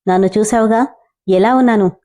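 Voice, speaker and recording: A woman's voice: medium pitch, fairly quick, warm tone, close to an everyday voice. A woman narrator voicing a man disguised as a ghost, growling threats in a storybook reading. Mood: menacing. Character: man in a ghost costume, menacing and mocking.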